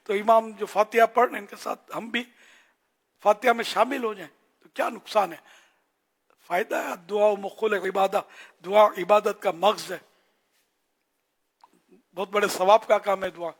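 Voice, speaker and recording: With a high, steady voice, a man delivers earnest religious instruction as a scholar fielding questions, using brief admonishing phrases and pauses. The recording carries a long hall reverb.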